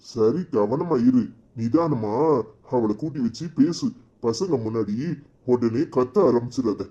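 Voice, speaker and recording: A man's voice: mid-range voice, a little slow, dark tone, lightly acted. A man voicing a cheeky, gossipy office friend in a cartoon. He has a Tirunelveli Tamil accent and talks in a chatty, mocking way. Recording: slightly dull lo-fi recording.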